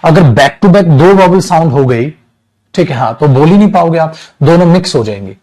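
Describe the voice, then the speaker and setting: A man's voice: on the high side, lively intonation, normal speed, warm tone, rough recording. A man teaching an English class online, calling students "beta" and stretching out sounds to demonstrate them.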